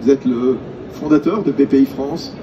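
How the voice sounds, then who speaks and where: A man interviewing guests on a business-event stage, enthusiastic and halting, with many fillers. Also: mid-range voice, muffled recording. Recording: distant mic, noisy event.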